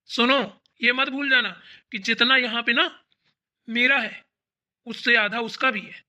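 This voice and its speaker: A performer voicing a doting but quick-tempered elder brother in a cartoon, scolding his wife and comforting his sister. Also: very high-pitched, pushed and bright, full character voice. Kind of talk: cartoon voice acting.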